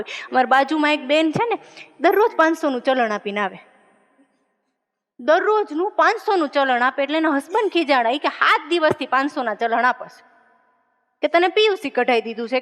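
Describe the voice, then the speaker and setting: High-voiced woman telling jokes. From Gujarat, India. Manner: chatty storyteller acting out dialogue. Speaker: comedian. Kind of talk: stand-up joke telling. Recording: long hall reverb.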